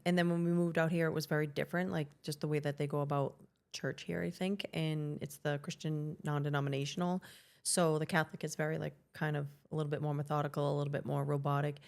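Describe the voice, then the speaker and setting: A middle-aged woman with a Boston accent talks loosely through her story as a podcast guest. Her voice sits low, with a gravelly fry and little rise or fall. She wanders from thought to thought, full of likes and ums. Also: little pitch movement, brisk, a little mellow. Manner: rambling, restarts with many likes and ums. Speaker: podcast guest, hairstylist and CrossFit coach. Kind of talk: casual interview chat.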